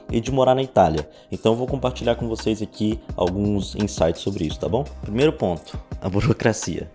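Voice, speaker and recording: A man in his twenties with a Brazilian Portuguese accent tells stories of his experiences to camera in a casual, conversational vlog style. His voice is mellow and on the low side, with background music playing.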